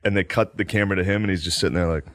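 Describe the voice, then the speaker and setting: A man's voice: low-pitched, racing. A man hosting a podcast, telling a story in casual chat and laughing through it. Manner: laughs through his stories, animated. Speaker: podcast host.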